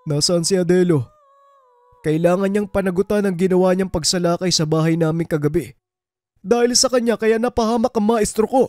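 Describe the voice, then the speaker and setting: A furious young man hurls accusations and threats, his voice pushed high and loud, as a male narrator plays him. The recording is dry and close-miked. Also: fairly quick, no echo, close to an everyday voice. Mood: angry. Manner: forceful, accusing.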